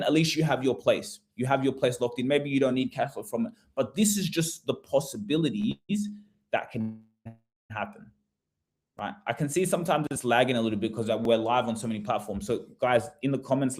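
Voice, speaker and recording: An Australian property investment advisor hosts an informal live webinar in a mid-range, slightly mellow voice, speaking fairly quickly. He's conversational and repetitive, often tossing rhetorical questions to listeners.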